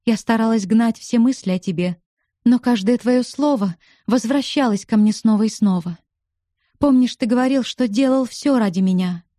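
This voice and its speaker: A woman's voice: a little high, normal speed, dark tone, no room sound, clean studio sound, lightly acted. A woman reading the part of an earnest, pleading young woman in love for an audiobook.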